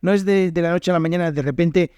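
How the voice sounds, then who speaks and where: Man, northern Spanish accent, podcast host and language teacher, fairly high voice, unscripted, lots of fillers and restarts, dry close sound. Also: fairly even intonation, quick pace, dark tone, smooth, dry recording. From northern Spain. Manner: unscripted, thoughtful, frequent fillers and self-corrections. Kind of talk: solo podcast monologue.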